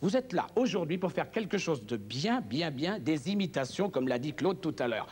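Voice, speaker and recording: A man's voice: fairly high pitch, very animated, normal speed, slightly rough, long reverb tail. A man working as a ventriloquist on a TV variety show, playfully chatting with his puppets like a kindly uncle. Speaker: ventriloquist and impressionist guest.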